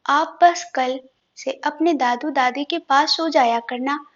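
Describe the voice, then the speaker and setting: A woman's voice: high-pitched, slow pace. A woman voicing a playful, affectionate young father who coaxes and mock-sulks with his little son. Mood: coaxing. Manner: coaxing, mock-sulking, affectionate. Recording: dull lo-fi recording.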